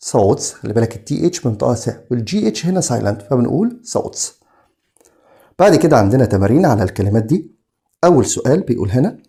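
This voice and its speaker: A man with an Egyptian Arabic accent teaching an English vocabulary lesson. He reads each word slowly and then repeats it. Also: medium pitch, warm tone. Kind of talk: vocabulary lesson, reading words aloud.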